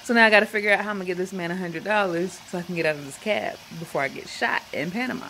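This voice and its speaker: Lively woman telling a travel story. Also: lowish voice, rapid-fire, slight background noise, rough recording. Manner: animated, acts out the people in her story. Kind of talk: casual personal storytelling.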